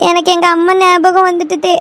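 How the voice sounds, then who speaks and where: A woman's voice: extremely high pitch, little pitch movement, a little fast, fairly bright tone. A woman voicing a homesick young daughter-in-law in a cartoon, with a sulky, complaining manner. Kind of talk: cartoon voice acting.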